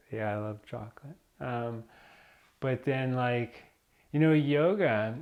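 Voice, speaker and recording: Slow, rambling man vlogging. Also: a little high, a little mellow. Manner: rambling, hesitant, many fillers and restarts. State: coughing from dust. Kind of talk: unscripted vlog talk.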